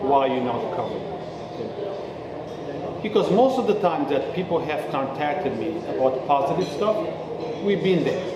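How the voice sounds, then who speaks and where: A man's voice: fairly high pitch, expressive, normal speed, pauses often, background noise. A man from Mozambique, a street videographer, earnestly explaining himself in a casual interview, often checking in with "okay?". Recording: very echoey room with crowd chatter.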